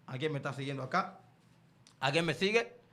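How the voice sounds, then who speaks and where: High-voiced man preaching a sermon. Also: lively intonation, brisk, bright, forceful tone. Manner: asks the listeners rhetorical questions and answers them himself; calls on the congregation to respond.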